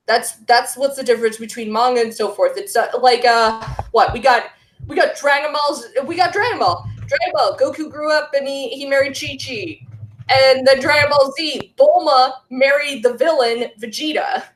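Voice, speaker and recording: A woman's voice: high-pitched, moderate pace, a little hiss or hum. A woman who is a guest on a podcast, chatting casually and ranting at length. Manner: ranting, talkative. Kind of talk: casual chat. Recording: roomy echo.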